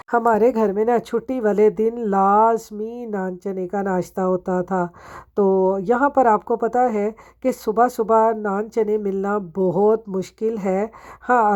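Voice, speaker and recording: The audio is dull as a Pakistani woman, mellow and medium-pitched, chattily narrates her daily routine for viewers of her home vlog. She has a sore throat and keeps talking to her audience and asking them questions.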